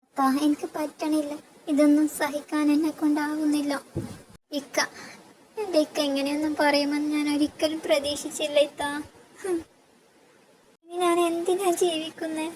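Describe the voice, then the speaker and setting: A woman voicing a tearful young wife who pleads in a soft, grief-stricken way. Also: high voice, little pitch movement, unhurried, pauses often, a little hiss or hum, voice pushed up, poor audio. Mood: grieving.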